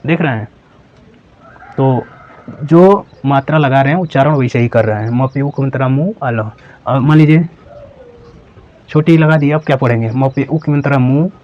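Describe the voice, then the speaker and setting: A man teaching a slow, step-by-step lesson, patiently repeating each syllable and checking that viewers follow. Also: a little high, a little mellow. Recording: dull lo-fi sound.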